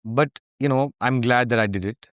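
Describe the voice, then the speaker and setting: A man's voice: medium pitch, moderate pace, no room sound. A man with an educated upper-class Indian accent, answering interview questions in a reflective, conversational way. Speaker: interview guest.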